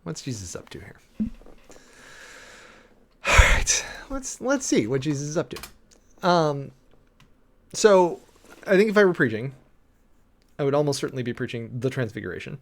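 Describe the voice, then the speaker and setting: Male preacher, creaky gravelly voice, casual rambling sermon-prep talk with fillers. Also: a little high, big pitch swings. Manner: rambling, thinking aloud with many fillers and restarts; reads and parses Greek text slowly.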